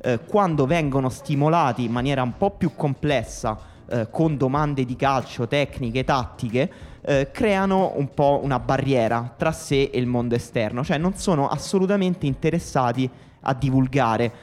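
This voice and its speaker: A man hosting a casual podcast debate, building his argument point by point in a measured way. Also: mid-range voice, darkish tone, in a large hall. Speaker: podcast host.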